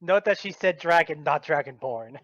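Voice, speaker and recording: A man's voice: fairly high pitch, expressive, moderate pace, a bit bright, lo-fi sound. A man playing in a tabletop game, bantering wryly in casual chat. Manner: wry, joking banter. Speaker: player.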